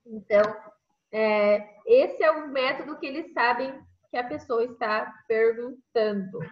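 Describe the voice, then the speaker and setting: A woman's voice: fairly high pitch, unhurried. A woman with a Brazilian Portuguese accent teaching an online English class, explaining patiently step by step and checking in with tag questions over a video call. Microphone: computer microphone on a video call. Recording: echoey, muffled video call audio.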